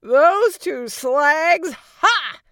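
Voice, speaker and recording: A woman voicing a bossy, sarcastic fairy godmother who talks loudly and bluntly. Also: sits high, expressive, drawn-out words, no echo, clean studio sound, pitched above the performer's own voice, full character voice.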